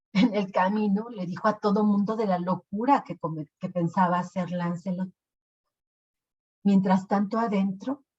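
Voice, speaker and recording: A woman telling a legend in an expressive storytelling voice. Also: mid-range voice. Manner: slow, expressive. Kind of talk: storytelling narration. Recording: lo-fi recording.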